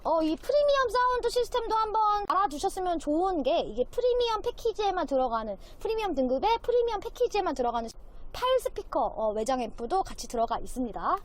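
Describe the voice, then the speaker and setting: A woman car dealer gives an informal sales walkaround, explaining features point by point in a talkative pitch. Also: big pitch swings, quick pace. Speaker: used car dealer presenting a car.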